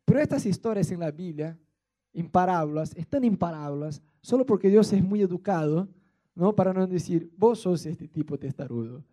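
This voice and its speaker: A man's voice: high voice, expressive, normal speed, mellow. A man with an Argentine accent preaching a sermon in a playful, colloquial way, mixing jokes into his teaching. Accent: Argentine Spanish.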